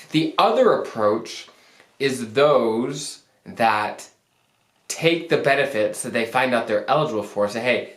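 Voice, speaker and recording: A young Arizona man who hosts a channel as a financial planner gives casual advice to the camera in an upbeat, chatty way, often joking at his own expense. A lingering cold pushes his mid-range male voice lower than usual, though the tone stays fairly bright. The recording has the ring of an echoey room.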